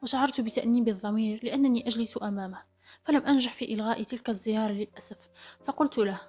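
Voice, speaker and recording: A woman narrates a story in the first person, reading briskly and steadily. Her voice sits a little high and the pace is fast. Soft music plays faintly behind her. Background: faint background music.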